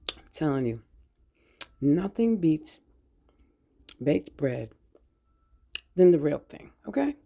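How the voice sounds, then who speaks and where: Woman, home baking vlogger: low, warm gravelly voice, chatty and homey with viewers from her kitchen. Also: big pitch swings, slow pace, pauses often. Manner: chatty, talks to viewers while cooking, hums while tasting; talks with mouth full at times. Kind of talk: casual chat while baking.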